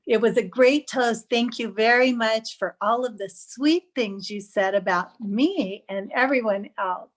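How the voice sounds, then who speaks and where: A woman's voice: fairly high pitch, unhurried, few pauses. A woman giving encouraging, chatty feedback on a speech over a video call. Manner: encouraging, chatty, gently picky. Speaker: speech evaluator. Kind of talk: giving spoken feedback in an online club meeting. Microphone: computer mic on a video call.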